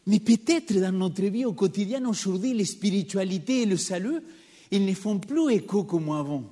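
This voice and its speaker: High-voiced preacher with an accent, echoing church. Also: male voice, expressive, moderate pace, mellow. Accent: non-native French accent. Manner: engaging, poses rhetorical questions to the congregation. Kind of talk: sermon. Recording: long reverb of a church hall.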